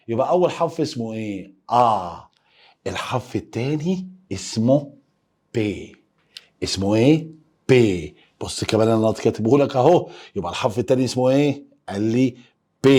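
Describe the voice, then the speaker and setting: A man with an Egyptian Arabic accent teaching a lively lesson, playfully coaxing students to repeat letters after him. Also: medium pitch. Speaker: German teacher.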